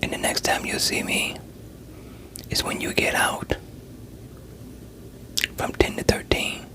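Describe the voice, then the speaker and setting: Whispered role-play, performer as veteran police interrogator, unhurried, bright hissy whisper, coaxing, sceptical, streetwise. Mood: sceptical, pressing. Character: veteran police interrogator, teasing and pressuring a petty thief.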